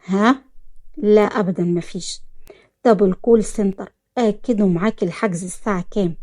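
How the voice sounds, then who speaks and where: A woman with an Egyptian accent voicing a meek, obedient young wife who answers softly. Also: mid-range voice, a little fast, close to an everyday voice.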